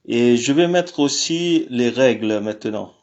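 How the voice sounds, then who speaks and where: A man teaching a language lesson online, talking in a halting way with many fillers and restarts. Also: medium pitch, expressive, a little mellow, dull audio. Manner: apologetic about technical glitches.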